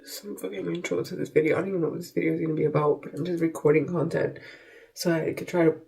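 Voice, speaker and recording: Her voice is low, gravelly and husky, with a dark tone that stays steady. Recording her own vlog, she speaks casually and candidly in a confessional way, halting often, restarting and cutting herself off as she thinks things through.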